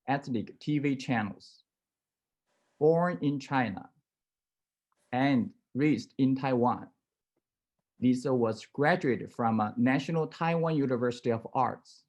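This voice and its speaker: A man with a mid-range voice introduces a keynote speaker at a ceremony. He reads from prepared notes, pausing now and then on fillers. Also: mid-range voice, darkish tone, dull audio. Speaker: former association president introducing a speaker.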